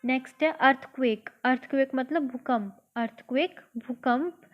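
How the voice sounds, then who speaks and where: High-voiced woman teaching vocabulary. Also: muffled recording. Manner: repeats each word and its meaning, spells words out letter by letter slowly; patient, explanatory, gives everyday examples. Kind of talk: online vocabulary lesson.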